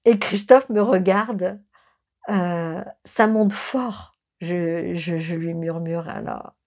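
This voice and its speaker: A woman recounting her own haunted-house experience as a medium, in slow personal storytelling with many fillers, self-corrections and dramatic pauses, dropping to a hush when she quotes whispers. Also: on the low side.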